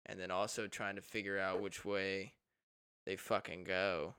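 A man's voice: low voice, flat delivery, measured pace, pushed and bright, clear, resonant tone, no room sound, studio quality. A young man hosting a podcast, chatting casually and swearing freely. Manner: swears freely, laid-back. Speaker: podcast host. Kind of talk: casual chat.

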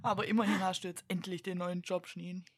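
Woman, podcast co-host, playful banter, quick reactions, dry close sound. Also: lowish voice, fairly even intonation, dry recording. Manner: playful, quick reactions, mixes in English phrases. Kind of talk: casual chat.

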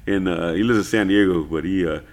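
A man's voice: low-pitched, brisk. A man co-hosting a podcast in casual chat, laid-back, swearing a lot and saying dude and bro. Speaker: podcast co-host.

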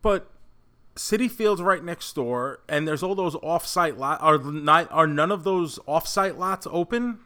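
Man, podcast host, sharp bright tone, moderately high pitch, casual chat. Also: unhurried, clear, resonant tone.

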